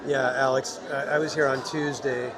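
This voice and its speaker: A man's voice: medium pitch, level tone, normal speed, low-quality recording. A man hosting a casual live vlog, chatting informally with his viewers as he goes. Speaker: live stream host. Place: busy theme park, ice cream shop. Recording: loud crowd of a public space.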